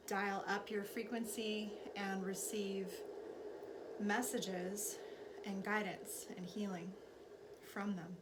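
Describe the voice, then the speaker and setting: Woman leading meditation, even-pitched, noisy recording. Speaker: spiritual teacher leading a class. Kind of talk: guided meditation and spiritual instruction. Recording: clearly noisy recording with background ambience.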